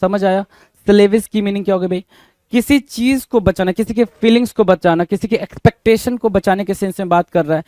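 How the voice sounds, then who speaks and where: A man's voice: high voice, fairly quick, darkish tone, no echo. A man with an Indian accent teaching English vocabulary for exams, mixing Hindi and English and often asking the class questions. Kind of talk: exam-prep vocabulary lesson.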